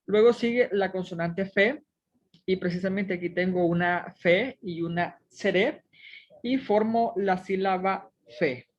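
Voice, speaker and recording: Slow, methodical woman teaching syllables. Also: medium pitch, darkish tone, muffled recording. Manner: methodical, sounds out each syllable carefully. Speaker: Hebrew teacher. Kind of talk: slow step-by-step lesson on letters and syllables.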